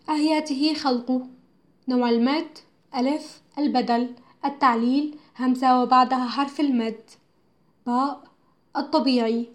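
A woman reading a religious studies textbook lesson aloud, measured and clear, with slow, careful recitation of verses. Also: sits high. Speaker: narrator of a school textbook audio.

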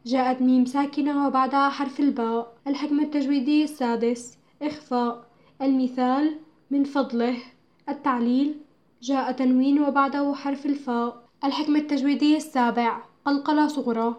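A woman reading a religious studies textbook lesson aloud, measured and clear, with slow, careful recitation of verses. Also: high-pitched, dull audio. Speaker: narrator of a school textbook audio.

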